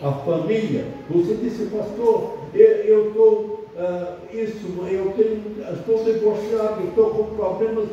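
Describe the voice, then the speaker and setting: An older man, a foreign-born pastor from outside Brazil whose first language isn't Portuguese, preaches a sermon in a learned language, emphatic and repetitive. His voice is high-pitched with fairly even intonation, a little slow, with few pauses. The recording comes from a very echoey church hall through a distant, muffled mic.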